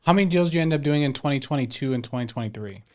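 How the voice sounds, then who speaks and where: A man hosting an interview, talking loosely with quick interjections and playful teasing. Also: mid-range voice, animated. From United States, raised in Las Vegas. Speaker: interview host, house flipper. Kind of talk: casual interview chat.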